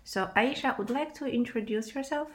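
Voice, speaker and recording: A woman's voice: fairly high pitch, moderate pace, echoey room. A woman co-hosting a casual podcast, asking questions with a lot of fillers. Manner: asks questions with frequent fillers. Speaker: podcast co-host. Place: indoor room in Amsterdam.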